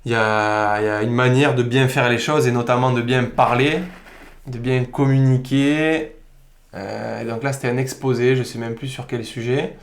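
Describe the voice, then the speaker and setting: A man's voice: medium pitch, moderate pace. Provençal man telling stories in a roomy echo. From Provence, southern France. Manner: animated storyteller, informal and slangy. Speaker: podcast guest. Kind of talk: casual podcast conversation.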